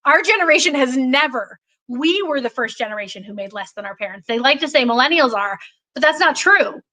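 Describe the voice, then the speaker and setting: High bright-voiced woman, passionate and emphatic. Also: lively intonation, a little fast, poor audio. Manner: passionate, emphatic, with frequent restarts. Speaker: political candidate. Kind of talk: podcast conversation.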